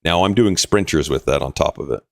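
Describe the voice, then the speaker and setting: A man's voice: a bass voice, fairly quick, creaky, no room sound, clean studio sound. A man casually commentating his game on a live stream, explaining rules and answering chat.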